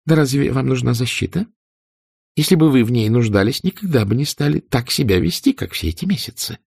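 A man's voice: medium pitch, lively intonation, brisk, creaky, a little mellow, slightly rough, no room sound, studio quality, pitched above the performer's own voice. A man voicing a cold, hateful spinster who speaks with icy contempt and trembling anger.

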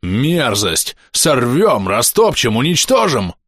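A man voicing a burly mustached guard freed from a curse, hoarse and speaking slowly and pleadingly. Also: medium pitch, very animated, a bit bright, no room sound, clean studio sound, exaggerated voice. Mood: fierce. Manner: slow, dazed and pleading.

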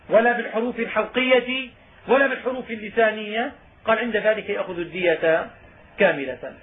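A man teaching Islamic law, reading lines from a text and then explaining each one in plain speech, with emphasis on key words. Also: high-pitched. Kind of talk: explaining a legal text in a lesson. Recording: tinny phone-like sound with faint noise.

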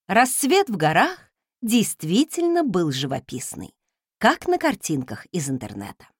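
A woman narrating a first-person novel aloud in an expressive, wry storytelling manner. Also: mid-range voice, no room sound, clean studio sound. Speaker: audiobook narrator.

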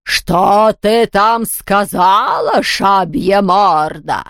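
A woman's voice: on the low side, gravelly, dry recording, studio quality, heavily acted. Woman voicing a hissing ghost baroness. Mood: outraged. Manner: hissing, slow and drawn out. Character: huge menacing female ghost baroness, cruel.

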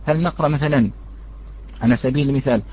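A man's voice: mid-range voice, fast, husky. A man teaching a religious lesson on recitation rules, addressing his listeners as brothers and asking them questions before answering. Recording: dull lo-fi recording.

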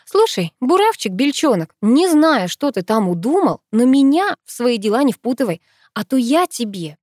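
Woman doing a cheeky teen girl, high and snappy, bossy teasing tone, dry close sound. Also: expressive, moderate pace, no echo. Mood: sassy. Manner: bright, snappy, mock-stern. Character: sassy teenage girl, quick-tempered, teasing.

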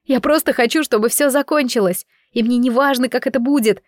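A frantic young girl, voiced by a woman reading aloud. She is shrill and pleading and pitched well above the narrator's own voice. It is a dry, close audiobook read. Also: brisk, no echo, close to an everyday voice. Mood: hysterical. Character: desperate young girl, tearful.

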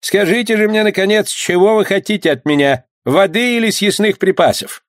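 A man's voice: high voice, normal speed, dry recording, clean studio sound, pitched above the performer's own voice, natural voice. A man voicing a stubborn, impatient old male ship's skipper in a read-aloud story. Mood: indignant. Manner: indignant, impatient.

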